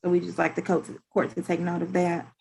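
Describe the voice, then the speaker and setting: Halting, formal female attorney in court. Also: on the low side, little pitch movement, vocal fry, darkish tone, a little hiss or hum. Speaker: state's attorney. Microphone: video call.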